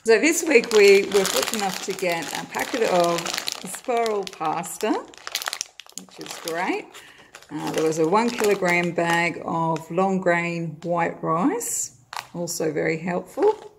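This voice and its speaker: A middle-aged Australian woman at home films a grocery haul from above on her phone at a table, chatting in a friendly, casual way with plenty of "uh" fillers. Her voice is on the low side, animated, a little slow and gravelly, with background noise.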